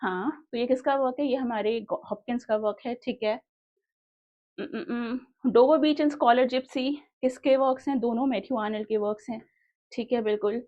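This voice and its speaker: A woman's voice: a little high, darkish tone, dull audio. A young Indian woman teaching an online exam-prep literature class, mixing Hindi and English and reading questions aloud. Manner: switches between Hindi and English, reads questions aloud slowly.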